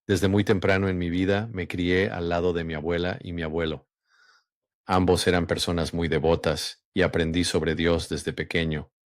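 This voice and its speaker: Speaking from a dry, studio-quality recording, this religious channel host's voice sits low. He moves through a measured, unhurried monologue with many hums and pauses, then turns to reading a story aloud.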